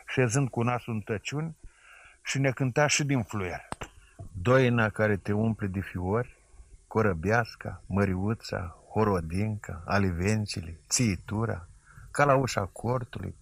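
A man's voice: mid-range voice, dry recording. A man narrating a classic storybook as an audiobook, reading expressively and chanting the quoted lines.

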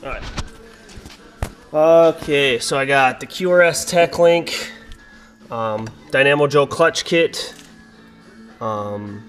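Young guy from Minnesota, unhurried and casual, full of ums, filming his own sled tour on a head-mounted camera in a garage. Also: mid-range voice. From Minnesota, USA. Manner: relaxed and unhurried, many "uh" and "um" fillers. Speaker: snowmobile vlogger. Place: indoor garage workshop. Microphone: head-mounted action camera.

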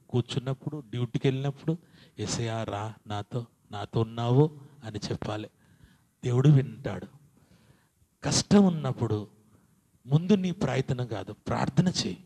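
Male pastor, church sermon, call-and-response, loud exhortation. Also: medium pitch. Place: church hall.

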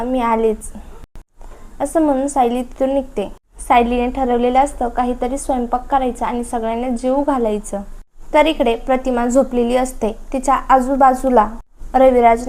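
Woman recapping a tv serial episode, steady storytelling, high voice. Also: normal speed. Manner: plain, steady retelling.

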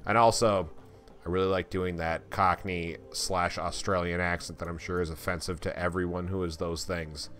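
A man's voice: low-pitched, normal speed, faint music behind. A man joking and swearing casually as he plays through a game and reads it aloud. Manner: joking, profane, excitable. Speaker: gamer doing voice-over practice.

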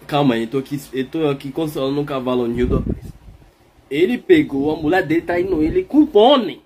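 A man's voice: fairly high pitch, animated, background noise, close to an everyday voice. A man voicing a cocky street dog. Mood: cocky teasing. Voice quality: rowdy, teasing, quick to laugh. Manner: swings between mock threats and joking. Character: brash street-smart male dog, teasing and cocky. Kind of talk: comic voice-over dubbing of animal videos.

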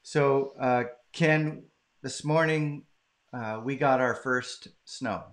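A man's voice: mid-range voice, slow. A man from Canada hosting a live-streamed conversation, casual and chatty. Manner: casual, chatty, laughs easily. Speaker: host. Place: home, southern British Columbia.

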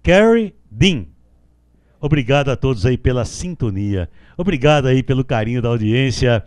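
A man's voice: medium pitch, lively intonation, normal speed, darkish tone, dry recording. A man from Brazil with a rural caipira accent, a country singer chatting casually with his live audience and reading out their greetings. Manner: chatty, playful, talks straight to viewers by name.

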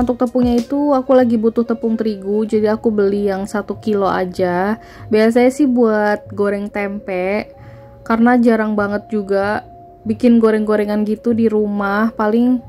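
A woman's voice: on the high side, a little mellow. A woman, chatting through a grocery haul voice-over and listing prices. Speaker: vlogger.

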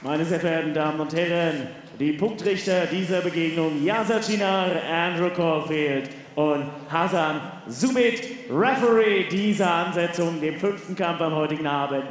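A man's voice: fairly high pitch, some chatter behind, a little hiss or hum. A man working as a boxing ring announcer, grandiose and ceremonial, drawing names out over a handheld microphone. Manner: grandiose, drawn-out name calls. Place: large indoor boxing arena. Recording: echoey hall PA with music.

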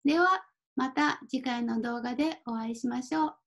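A woman teaching Japanese, reading vocabulary words one at a time and clearly pronouncing each for learners to repeat. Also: on the high side, rough recording. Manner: clear deliberate word-by-word pronunciation. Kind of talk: slow vocabulary drill lesson.

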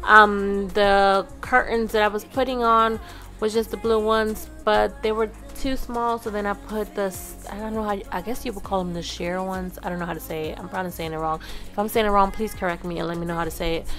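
A family vlogger hosts a casual voice-over narrating her cleaning, talking informally and directly to her viewers. Her medium-pitched voice is steady, fairly quick and a bit bright, with soft music in the background.

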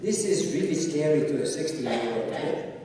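A guest speaker on an auditorium stage, this older man from Czechoslovakia, a native Hungarian speaker, offers measured personal testimony about his life directly to the audience. He speaks expressively in a dark-toned voice on the high side. Captured from the audience through a handheld mic, the recording is distant and echoey, with slight background noise.

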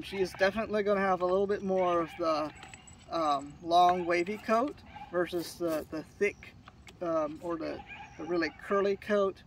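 A hoarse man, a dog breeder, presenting puppies in a fond, rambling way with many fillers and restarts. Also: high-pitched, recorded from a distance, a little hiss or hum. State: hoarse from sinus trouble. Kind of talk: casual on-camera puppy showcase.

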